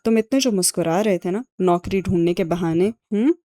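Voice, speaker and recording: A composed, clever young woman, read by a woman narrator lays things out calmly and knowingly. The voice sits low and mellow, and the recording is dry and close, as in an audiobook. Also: no echo, close to an everyday voice.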